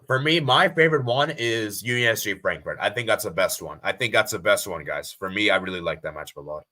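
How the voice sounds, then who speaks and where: A man's voice: on the low side, a little fast, bright, forceful tone. An American man hosting a live stream, chatting casually and reading viewer comments aloud, often repeating himself. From USA.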